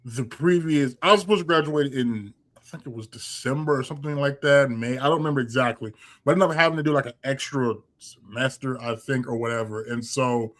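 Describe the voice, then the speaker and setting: In a casual interview chat, a young podcast host with a brisk, mid-range, fairly bright voice rambles about his memories, restarting often and filling gaps with fillers.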